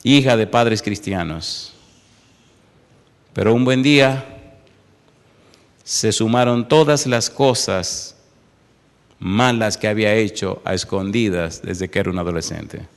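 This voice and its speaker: A man preaching a sermon, moving from an impassioned appeal into a softly told story with voiced quotes. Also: takes it slowly, long pauses. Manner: impassioned, loud and high at the start, then softer storytelling with voiced quotes. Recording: long hall reverb.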